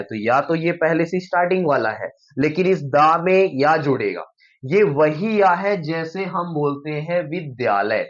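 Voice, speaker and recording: A man teaching Hindi grammar at a board, explaining each rule and repeating the sounds aloud as he slows down over the examples. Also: on the high side, a bit bright. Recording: muffled lo-fi recording.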